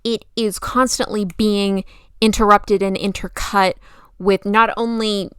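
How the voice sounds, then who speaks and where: A woman's voice: mid-range voice, little pitch movement, a little slow, clean tone, no room sound, clean studio sound. A woman giving enthusiastic, conversational film commentary in an emphatic, gushing and casually opinionated way. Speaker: video essayist and film commentator.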